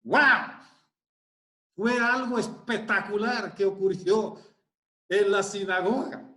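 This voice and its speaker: A high-pitched man preaches at an unhurried pace, drawing out each point and breaking into exclamations of amazement. His voice rings around an echoey room. He is a preacher, deliberate and emphatic. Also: fairly bright tone. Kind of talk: sermon with scripture reading.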